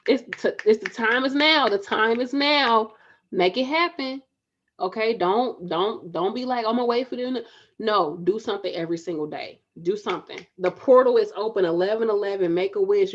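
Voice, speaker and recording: A woman's voice: mid-range voice, muffled recording. A woman in her thirties giving a casual, motivational talk straight to her viewers, emphatic and repeating lines to urge them on. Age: 30s. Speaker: spiritual vlogger. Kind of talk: motivational direct-to-camera talk.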